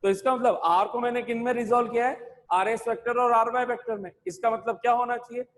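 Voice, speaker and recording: A male physics teacher giving a classroom lecture in mixed Hindi and English, asking rhetorical questions and dictating terms slowly with repetition. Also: very high voice, fairly even intonation, a bit bright. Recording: long hall reverb.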